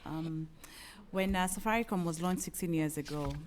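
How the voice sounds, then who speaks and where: A woman's voice: on the low side, normal speed, darkish tone, slight background noise. A middle-aged woman from Kenya with a Kenyan accent, speaking as a panelist. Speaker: panelist, company executive. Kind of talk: panel talk.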